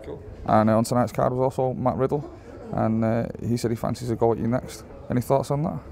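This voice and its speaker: A man's voice: mid-range voice, steady tone, brisk, creaky, warm tone. A man working as an interviewer, asking casual, conversational questions about sport. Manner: informal, conversational. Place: backstage at a large arena. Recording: backstage arena interview with crowd noise.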